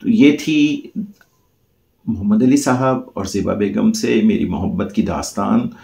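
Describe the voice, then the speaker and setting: Earnest gravelly man. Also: fairly low pitch, a little slow, warm tone, echoey room. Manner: earnest, heartfelt, formal Urdu diction. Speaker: channel host. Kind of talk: personal storytelling to camera.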